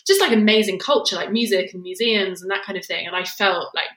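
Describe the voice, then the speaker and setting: A young woman from near Luton, England, speaks a little fast in a mid-range, fairly bright voice as a guest in a casual interview. She's reflective, meandering and a bit self-deprecating, and the recording is roomy and echoey.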